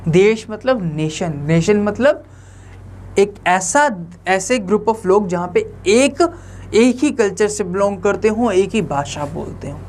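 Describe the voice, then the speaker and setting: A man's voice: high-pitched, animated, slow pace, darkish tone, a little hiss or hum. A young man teaching an online lecture in a conversational way, often asking the viewers rhetorical questions.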